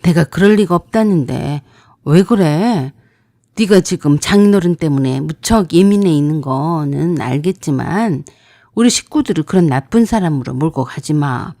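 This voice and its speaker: A woman voicing a defensive young man who brushes off his fiancée, speaking lower and slower in a dry recording. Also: expressive, mellow, dry recording. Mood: irritated. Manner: lower, slower, irritated insistence.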